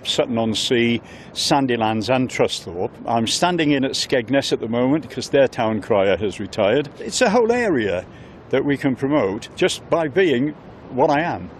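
An older Englishman who works as a town crier talks in an interview. His voice sits at an average pitch. He is outdoors, with faint noise behind him. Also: very animated, normal speed. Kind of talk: interview talk. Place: outdoors on a seafront promenade.

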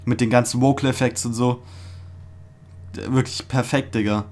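A young man hosting a casual music reaction, talking in an excited, slangy way with many fillers and restarts, recorded in a small room. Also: mid-range voice, normal speed, a little hiss or hum. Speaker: reaction video host. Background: faint music playing.

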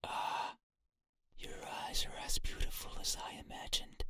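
A woman voicing an eerie night spirit that wants a person's eyes, speaking in a slow, cryptic, breathy whisper. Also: pushed and bright. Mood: menacing whisper.

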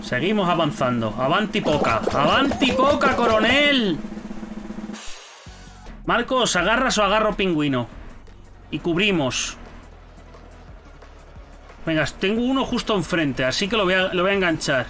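Animated gamer man over music. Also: high-pitched, moderate pace, pauses often. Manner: animated, shouts and teases while playing. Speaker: gaming YouTuber. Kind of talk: casual gameplay commentary.

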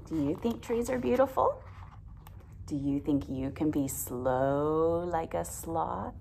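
A woman in her thirties, a teacher, reads a picture book to young children in a low, darkish, animated voice at a slow pace. She reads expressively, adding simple explanations and questions, in a classroom with alphabet wall displays; the recording's background is clear.

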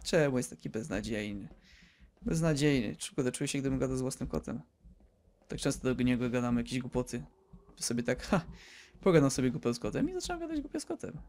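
A man's voice: mid-range voice, very animated, fast, a little mellow, slight background noise. A man giving casual, joking commentary while playing a video game, rambling, exclaiming and talking to viewers and game characters. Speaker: let's play gamer.

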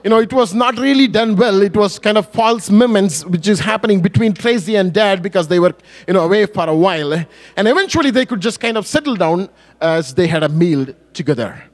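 Middle-aged pastor guy, highish voice, telling a sermon story with lots of feeling, trips and fixes his words. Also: lively intonation, fairly quick. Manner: emotive, rising and falling in pitch and volume; self-correcting with small restarts.

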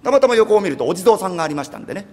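A man narrating a rakugo story in a brisk, colloquial manner. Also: sits high, expressive, darkish tone. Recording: reverberant live hall.

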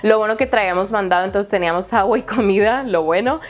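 Fast-talking woman vlogger. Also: medium pitch. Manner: animated, quotes people in lively voices. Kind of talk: casual storytelling.

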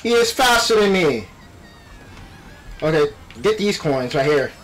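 Excitable high-voiced man wearing a retainer. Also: measured pace, soft background music, poor audio. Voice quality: speaking with a dental retainer in his mouth. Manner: animated, exclaiming, playful trash talk. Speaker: gaming video host. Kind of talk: excited live gameplay commentary.

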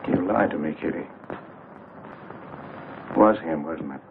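A man's voice: extremely low pitch, a little slow, vocal fry, full character voice. Stammering, meek older man. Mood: pleading. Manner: hesitant and stammering. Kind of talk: 1940s film noir acting. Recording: tinny noisy 1940s film soundtrack.

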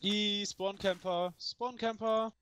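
A woman's voice: medium pitch, fairly even intonation, slow pace, noisy background. A woman playing along in a game, teasing and sing-song in casual chat. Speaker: fellow player.

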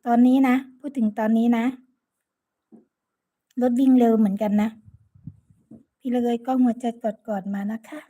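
A woman's voice: on the high side, fairly even intonation, unhurried, pauses often, warm tone. A woman with an Isan accent chatting casually on a live stream, greeting and thanking viewers by name. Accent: Isan (Northeastern Thai). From Sakon Nakhon, Northeast Thailand. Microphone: phone.

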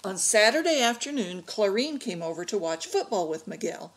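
A woman reading a picture book aloud to an adult learning class, slow and expressive. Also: medium pitch, a little hiss or hum.

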